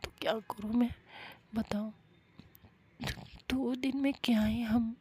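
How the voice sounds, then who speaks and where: A woman voicing a tearful, clingy young woman in a soft whispered role-play. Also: steady tone, slow, heavily acted. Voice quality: breathy, higher whisper.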